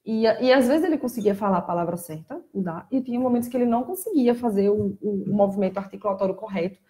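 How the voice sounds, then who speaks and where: A speech therapist from Brazil who works with children is casually live streaming, giving straightforward explanations and getting lively when she imitates little ones. She has a medium pitch, a quick pace, and a Brazilian Portuguese accent.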